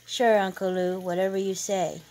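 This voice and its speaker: A woman's voice: medium pitch, little pitch movement, normal speed, mellow, close to an everyday voice. A woman voicing a good-natured grown son who is hosting his family's dinner, easygoing and humoured. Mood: amused.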